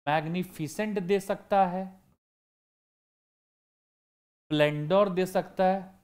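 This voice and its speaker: A man's voice: high-pitched, fairly even intonation, slow pace, a little mellow. A man teaching vocabulary for exam prep, asking the class questions and answering them himself while repeating the key words. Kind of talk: online vocabulary lesson.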